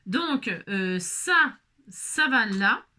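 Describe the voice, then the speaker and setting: Chatty bright-voiced woman crafting. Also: fairly high pitch, lively intonation, extremely slow. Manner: chatty, talks to herself, exclamatory; mutters and grumbles when things go wrong. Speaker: DIY crafting vlogger. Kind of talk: casual talk while assembling a kit.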